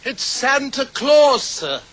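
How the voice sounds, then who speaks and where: A bumbling, kindly wizard. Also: male voice, extremely high pitch, sing-song, slow pace, background noise, heavily acted. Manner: flustered and hesitant. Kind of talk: TV comedy special acting.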